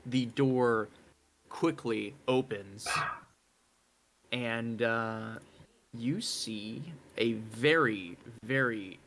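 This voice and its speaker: A man narrating as game master of an online tabletop game, slow and halting, with many fillers. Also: medium pitch, a bit bright, slight background noise.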